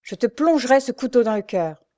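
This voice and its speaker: A woman reading a French novel aloud, voicing a humble young knife-grinder who now stands up defiantly in a loud, firm voice. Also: fairly high pitch, animated, fairly quick, voice pushed up, lightly acted. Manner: loud, fierce, resolute.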